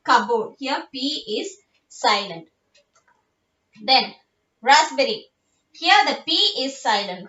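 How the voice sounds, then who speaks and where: A woman teacher with a Malayali accent giving a slow class lesson, repeating each word patiently and switching into Malayalam to explain. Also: high voice, a bit bright. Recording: dull lo-fi sound.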